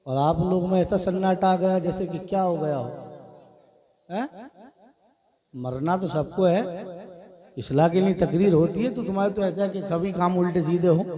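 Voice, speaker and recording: A man hosting a religious gathering on a stage microphone, joking with the crowd and building to impassioned shouted verse. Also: high-pitched. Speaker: nizamat host at a religious gathering. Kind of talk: stage announcing and fiery verse recital. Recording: live crowd on a PA mic. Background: crowd responses.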